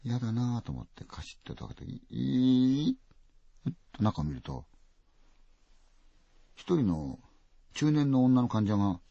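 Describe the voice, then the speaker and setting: A man telling a ghost story dramatically, full of vivid sound words and swinging from loud to hushed. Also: medium pitch, big pitch swings, a little slow, vocal fry, pauses often, no echo. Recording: dull, dry lo-fi recording.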